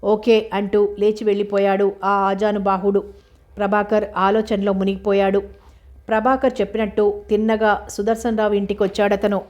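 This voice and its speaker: Even-toned woman reading a thriller. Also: medium pitch, moderate pace, dull audio. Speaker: narrator. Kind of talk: audiobook novel reading.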